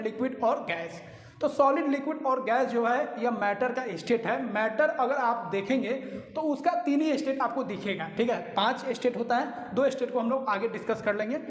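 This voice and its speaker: Male teacher with a lilt. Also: very high voice. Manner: explanatory, keeps checking in with listeners. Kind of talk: recorded lecture. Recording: echoey hall with long reverb.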